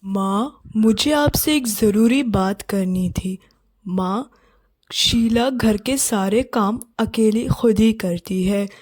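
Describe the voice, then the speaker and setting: A woman's voice: medium pitch, takes it slowly. A woman playing a mild young husband. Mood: calm. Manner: calm, reasonable, mild. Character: young husband, tired office worker, mild. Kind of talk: cartoon voice acting.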